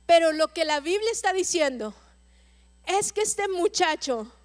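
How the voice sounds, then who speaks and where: High-voiced woman preaching slowly. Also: lively intonation. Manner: impassioned preaching, slow and emphatic, acting out cries for help. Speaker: pastor. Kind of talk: sermon.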